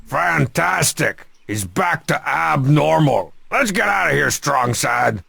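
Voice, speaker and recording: A man's voice: fairly high pitch, animated, takes it slowly, creaky, sharp tone, husky, no echo, clean studio sound, soft background music, heavily acted. A man voicing a bossy, sarcastic would-be dictator in a cartoon game, pompous and mocking.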